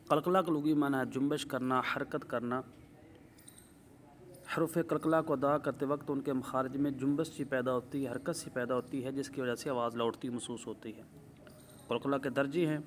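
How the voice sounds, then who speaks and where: A man teaching the rules of Quran recitation in a methodical lesson, explaining step by step and slowly drawing out example words. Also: mid-range voice, slight background noise. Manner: drawn-out slow demonstrations of recited words. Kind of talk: tajweed lesson.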